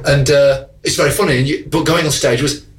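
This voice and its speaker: A man's voice: a little high, steady tone, fairly quick, distant mic, soft background music. A man co-hosting a radio show, talking in a loose, self-mocking way. His voice has a roomy, echoey sound, as if he sits a little back from the microphone. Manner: chatty, self-mocking, laughs often. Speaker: radio co-host and actor. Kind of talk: casual radio chat.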